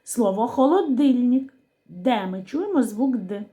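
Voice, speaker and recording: A woman teacher with a Ukrainian accent leads a lesson for small children. She speaks slowly and deliberately, pronouncing every sound with care. Her voice is soft and mellow, and she pauses after each question. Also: a little high, expressive. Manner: slow, clearly articulated, question-and-answer with pauses. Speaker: primary school teacher. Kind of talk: slow literacy lesson for young children.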